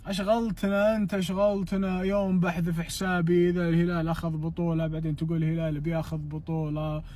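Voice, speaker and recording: A man's voice: on the high side, monotone, fast talker, a little mellow, slight background noise. A man teases a rival fan in casual football banter. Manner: teasing, mocking.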